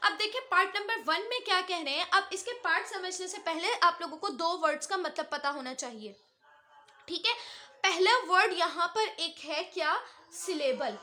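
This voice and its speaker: A woman's voice: very high voice, normal speed, sharp tone. A woman with a Pakistani accent teaching an online English grammar lesson, explaining rules step by step and often checking whether students follow. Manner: explains step by step, checks understanding with repeated "okay?".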